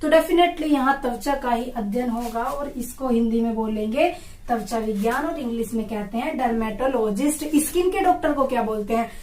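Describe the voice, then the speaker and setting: A young woman teaching biology to exam students, her voice a touch high. She repeats each term and quizzes the class back on its pronunciation. The room is echoey, and she sounds a little away from the mic. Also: moderate pace, darkish tone, recorded from a distance, a little hiss or hum. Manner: repeats terms and drills pronunciation with call-and-response questions. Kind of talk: online exam-prep lesson.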